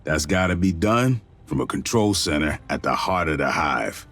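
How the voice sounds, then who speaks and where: A very deep-voiced gruff marine sergeant. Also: male voice, sing-song, normal speed, fairly bright tone, soft background music, full character voice. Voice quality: rough, coarse slang. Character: gruff veteran male marine sergeant, blunt and profane. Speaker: marine sergeant giving orders. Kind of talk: video game cutscene dialogue.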